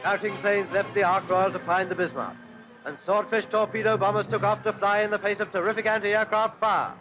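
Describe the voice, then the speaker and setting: High-voiced man narrating an old newsreel. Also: fairly even intonation. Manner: brisk, formal announcing. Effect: old newsreel soundtrack. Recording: dull lo-fi archive newsreel audio with music.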